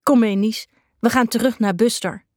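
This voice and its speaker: A woman's voice: fairly high pitch, steady tone, normal speed, darkish tone, no echo, clean studio sound, natural voice. A woman voicing a cheeky male stray cat in a storybook, blunt and teasing.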